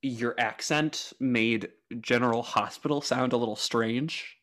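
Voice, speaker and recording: A man's voice: medium pitch, measured pace, a bit bright. A man co-hosting a podcast, joking in a mock-formal, self-mocking way and laughing often. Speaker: podcast co-host. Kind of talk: casual comedic chat.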